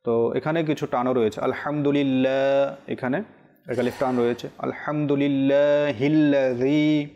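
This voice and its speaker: A man teaching correct pronunciation on a televised religious lesson, explaining slowly and chanting Arabic examples. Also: mid-range voice, steady tone, warm tone, muffled recording. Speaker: Quran recitation teacher.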